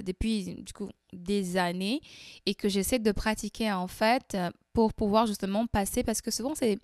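A young woman with a Portuguese accent, a content creator talking straight to her viewers in a casual advice monologue, animated and acting out little dialogues. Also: medium pitch, no echo, clean studio sound.

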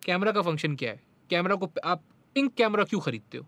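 High-voiced man asking rhetorical questions. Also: lively intonation, fast talker, fairly bright tone, no room sound. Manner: frequent agreeing interjections, rhetorical questions. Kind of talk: casual podcast conversation.

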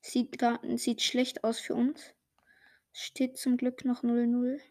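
A young, slangy gamer giving excited casual commentary while playing, full of exclamations and swearing. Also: mid-range voice, slow. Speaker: gaming streamer playing a party game.

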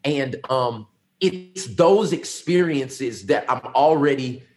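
A man's voice: mid-range voice, lively intonation, slow, a little mellow. Earnest pastor telling his story. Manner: earnest, reflective storytelling with many ums. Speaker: lead pastor. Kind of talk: casual interview answers.

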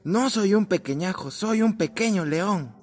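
A man's voice: high voice, animated, a little slow, a little mellow. A man voicing a small, stubborn lion cub in a children's audio story, speaking in an insistent, indignant way.

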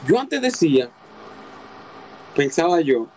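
A man's voice: fairly high pitch, very animated, slow, a little mellow, a little hiss or hum, poor audio. A man preaching a sermon, emphatic, repeating key phrases and asking his listeners rhetorical questions.

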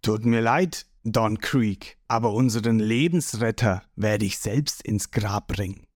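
A man voicing a grim young male pirate fighter who speaks low and quietly with menace, in a read-aloud manga story. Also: unhurried, no room sound. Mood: cold.

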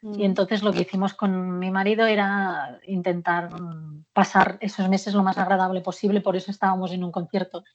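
A woman guest talks openly about her own experiences, pausing with fillers and laughing from time to time. Her voice sits at a middle pitch. The recording sounds a little muffled. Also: level tone. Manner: warm and frank, laughs often, hesitant fillers. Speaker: guest, author of a memoir. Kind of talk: candid personal interview.

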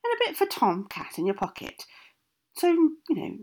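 Woman voicing an old storybook baker lady, bossy, emphatic, lively pitch. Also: normal speed. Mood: insistent. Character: old country woman baker, kindly but commanding.

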